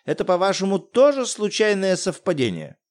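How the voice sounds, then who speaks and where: A man's voice: sits high, wildly swooping pitch, moderate pace, voice pushed up. A man voicing a teasing young lab assistant in an audiobook. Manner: teasing, breezy.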